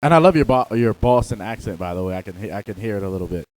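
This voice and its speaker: A man's voice: fairly low pitch, lively intonation, very fast, a little mellow. A man hosting a radio interview in a casual, conversational style, responding to his guest and asking questions.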